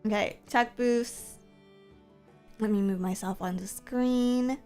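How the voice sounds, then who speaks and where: A woman's voice: medium pitch, moderate pace, a little mellow. Chatty woman streamer with music behind. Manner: chatty, rambling, repeats phrases. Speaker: streamer and VTuber content creator. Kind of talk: casual livestream chat while gaming.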